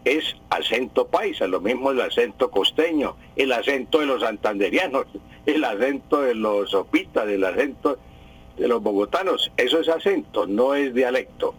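A man's voice: mid-range voice, animated, normal speed, husky, low-quality recording. A man, a language professor, answering listener questions on a radio morning show, explaining patiently and repeating key words. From Colombia. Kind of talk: radio Q&A segment. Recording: radio broadcast.

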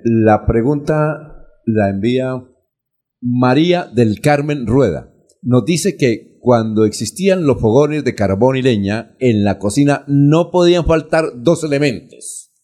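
Mellow-voiced male radio host. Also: mid-range voice, slow. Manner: conversational, reads listener questions. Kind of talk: radio chat.

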